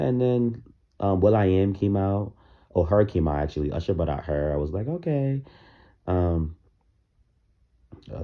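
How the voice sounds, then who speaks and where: Man, very low voice, morning voice, casual opinionated music commentary, lo-fi sound. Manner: chatty and opinionated, loose with fillers. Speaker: music reaction vlogger. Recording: dull lo-fi recording.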